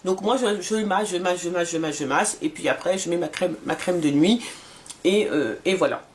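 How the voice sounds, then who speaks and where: A woman's voice: on the low side, moderate pace, a little mellow, a little hiss or hum. A woman in her forties casually reviewing a skincare serum for her vlog, talking with many fillers and restarts. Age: 40s. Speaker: beauty vlogger.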